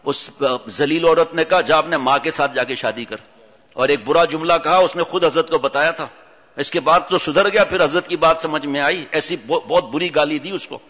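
A man giving a humorous religious sermon, telling stories and acting out the characters in an animated way. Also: fairly high pitch. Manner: animated storytelling, acts out voices. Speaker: preacher. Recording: dull audio in long-reverb hall.

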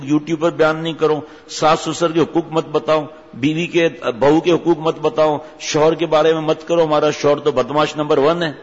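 Man preaching a sermon, emphatic and scolding, rhetorical, fairly high voice, long hall reverb. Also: lo-fi sound.

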